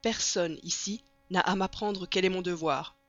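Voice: mid-range voice, steady tone, a little slow, a bit bright, faint music behind. Reader doing a stern proud fort captain, firm and formal, dull lo-fi sound. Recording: dull lo-fi recording.

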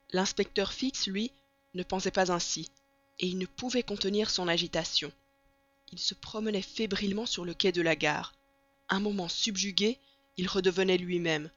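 An audiobook narrator reading a classic novel in an even, steady storytelling manner. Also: mid-range voice, normal speed. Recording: dull lo-fi recording.

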